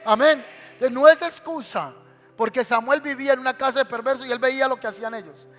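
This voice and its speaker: A male pastor preaches a dramatic sermon in a church sanctuary, telling stories and acting out their scenes. His voice is very high, a bit bright, and a little fast. The recording carries the reverb of the church hall, with faint music in the background.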